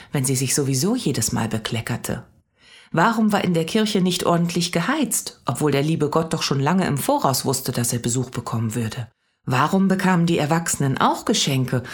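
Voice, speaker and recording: A woman reading a children's story aloud, calm and steady. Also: low voice, breathy edge. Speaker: narrator.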